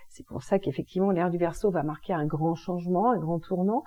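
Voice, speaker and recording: A woman's voice: fairly low pitch, fairly quick, dark tone. A woman explaining astrology in a casual, chatty monologue, using informal slangy expressions. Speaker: energy healing and astrology presenter.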